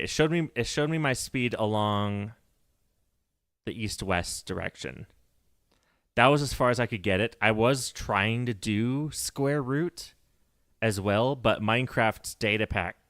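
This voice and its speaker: A lowish, slightly bright male voice, recorded dry at studio quality, chats loosely during a game livestream. He rambles, corrects himself and laughs with a nerdy air.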